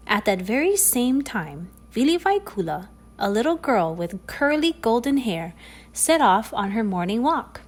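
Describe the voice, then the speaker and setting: A woman reading a children's storybook aloud, expressive and slowing down on key phrases. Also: a little high. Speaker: storybook reader. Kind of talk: storybook read-aloud narration.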